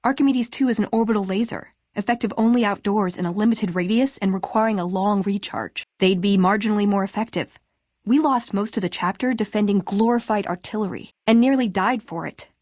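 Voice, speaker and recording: Playing a scrappy scavenger and brawler companion in a video game, an American actress gives a spirited, sarcastic young woman a brisk, slightly mellow, natural mid-range voice. The lines come across as earnest and frustrated but also playful and full of quips, recorded at studio quality with no room sound.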